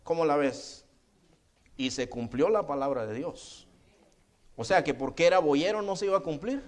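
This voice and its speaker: A man's voice: on the high side, moderate pace, a little mellow. A male pastor, preaching a sermon in a conversational tone and often calling listeners brother. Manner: acts out quoted voices in dialogue.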